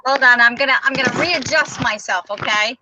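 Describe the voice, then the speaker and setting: A woman, a hospital nurse, chatting on a group call while her connection keeps breaking up and cutting out, so her words come halting and trail off. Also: high-pitched, noisy background. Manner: halting, trailing off mid-sentence. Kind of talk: casual chat on a group call.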